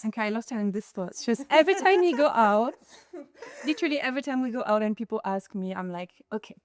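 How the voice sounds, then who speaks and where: A woman's voice: fairly high pitch, animated, fast, no echo, clean studio sound. A woman in her twenties from Morocco, chatting casually as a guest, laughing often and filling with "like". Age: 20s. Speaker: guest, event co-founder. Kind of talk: casual chat.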